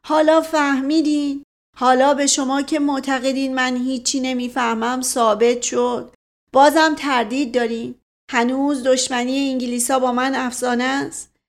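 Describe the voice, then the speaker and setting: A woman's voice: sits high, flat delivery. A woman voicing a paranoid, self-important older uncle ranting indignantly in a storybook reading. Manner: indignant, self-righteous rant.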